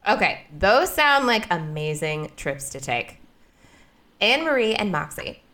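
A woman's voice: mid-range voice, sing-song, unhurried, bright, forceful tone. Upbeat woman panel moderator. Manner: upbeat, encouraging.

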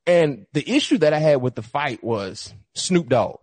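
A man's voice: on the high side, animated, moderate pace, a little mellow, husky, no echo. A man co-hosting a sports talk show, telling stories with lots of animation and acting out the coaches he quotes. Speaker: podcast co-host. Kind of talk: casual sports chat.

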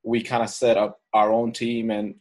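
Man, relaxed podcast guest. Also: mid-range voice, moderate pace. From Ireland. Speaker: guest, basketball coach. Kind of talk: casual podcast interview.

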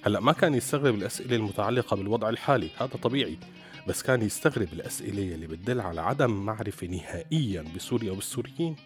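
Quick-paced Syrian Arabic male storyteller. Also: lowish voice, lively intonation. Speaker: storyteller, narrator of a story programme. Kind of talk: scripted storytelling narration with acted quotes. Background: music behind the voice.

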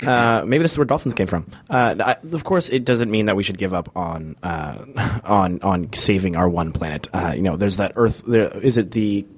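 Halting man with a lowish voice. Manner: halting, hesitant, with frequent uhs. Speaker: podcast co-host. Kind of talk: casual podcast discussion.

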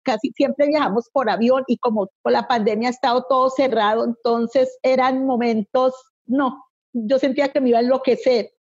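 A woman's voice: a little high, fairly even intonation, moderate pace, breathy edge, muffled recording. A middle-aged woman giving an anguished, emotional personal account in an interview. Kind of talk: personal testimony.

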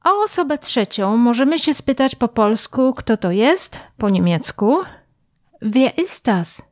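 Slow, careful woman teaching pronunciation. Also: a little high, sing-song, no echo, studio quality. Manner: slow, careful pronunciation drills with repeated phrases. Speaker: language teacher. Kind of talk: scripted lesson narration.

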